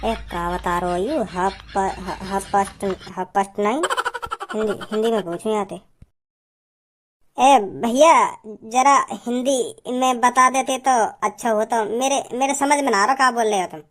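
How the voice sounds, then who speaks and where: A high-pitched cartoon villager, simple-minded and easily confused, as a woman voices him. He stammers and repeats his words as he puzzles things out. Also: normal speed, lightly acted. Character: rustic young village man, simple and confused. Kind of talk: cartoon voice acting.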